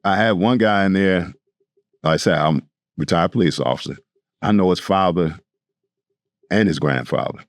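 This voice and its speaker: A middle-aged man speaks in a low, deep voice on a studio panel, talking plainly about fatherhood. He repeats his key points for emphasis, and the room sounds dry and close. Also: normal speed, long pauses, no room sound. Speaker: fatherhood program director, retired police officer. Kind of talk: casual panel talk. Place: podcast studio.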